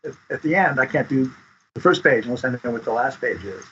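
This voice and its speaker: A man giving advice as a script consultant guest in a casual interview, speaking haltingly and often repeating words. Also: medium pitch, animated, fairly bright tone, a little hiss or hum. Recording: dull lo-fi audio.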